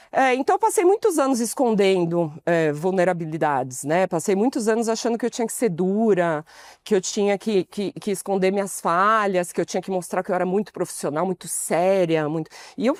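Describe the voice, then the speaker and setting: This Brazilian woman in her forties, a consultant, is an interview guest recounting work stories with expressive flair, giving voice to each character she quotes. The recording is close and dry with no room sound, and her voice sits in the mid range.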